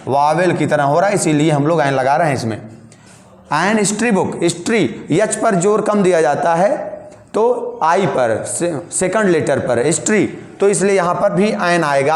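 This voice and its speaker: A man's voice: sits high, reverberant. A man teaching English grammar rules, explaining each rule again in Hindi and asking his students questions.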